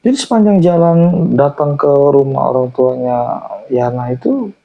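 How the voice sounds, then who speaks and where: A woman's voice: extremely low pitch, lively intonation, moderate pace, gravelly, phone-quality sound. A woman hosting a horror-story interview, asking short follow-up questions and humming along. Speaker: host.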